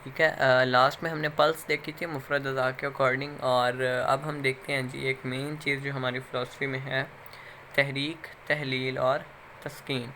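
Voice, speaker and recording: A man's voice: medium pitch, little pitch movement, sharp tone, a little hiss or hum. A man with a Pakistani accent giving a recorded lecture, explaining step by step and checking in with "okay" again and again. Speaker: instructor.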